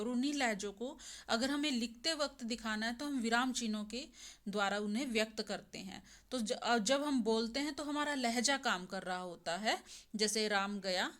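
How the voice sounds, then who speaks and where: A young adult woman teaching an exam-prep lesson with a slightly high voice. She explains step by step, stops to ask rhetorical questions, and checks that students are following. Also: fairly bright tone.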